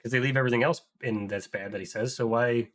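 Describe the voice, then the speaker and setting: A man's voice: mid-range voice, steady tone, quick pace. A young adult man reacting to a clip in casual commentary, thinking aloud with frequent hesitations and restarts. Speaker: video reaction host.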